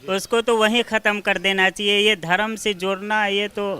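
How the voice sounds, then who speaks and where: A man's voice: high-pitched, flat delivery, normal speed, bright, forceful tone, clear, resonant tone. A male shopkeeper answering a reporter's questions in the street, earnest and agreeable. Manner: earnest, repeats agreement words. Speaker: shopkeeper interviewee.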